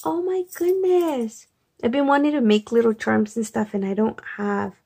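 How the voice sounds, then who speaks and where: Hushed, gravelly woman unboxing crafts. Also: fairly high pitch, fairly quick. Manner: hushed, excited, gushing. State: speaking quietly late at night. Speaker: craft vlogger. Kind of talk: soft-spoken unboxing chat. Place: home at night.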